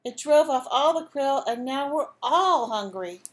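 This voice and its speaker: Lady reading as a sincere peacemaker fish in a kids book, he pleads, highish voice. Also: lively intonation, measured pace. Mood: apologetic. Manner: earnest, pleading. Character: earnest male rainbow fish, peacemaker.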